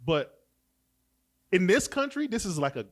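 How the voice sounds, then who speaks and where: A man's voice: high-pitched, very animated, unhurried. A man arguing his point in a casual podcast debate, often asking rhetorical questions.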